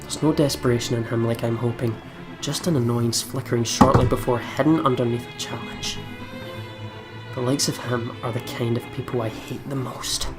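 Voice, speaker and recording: With game music underneath, this man plays through a visual novel on YouTube, reading its text dramatically and breaking off for casual talk. His voice is medium in pitch and fairly even, at a normal speed.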